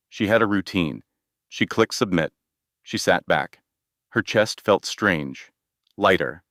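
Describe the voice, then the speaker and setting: A man narrating a story in a very low, deep voice, each short sentence placed deliberately. The sound is dry and close, with no room around it. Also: fairly bright tone, no room sound.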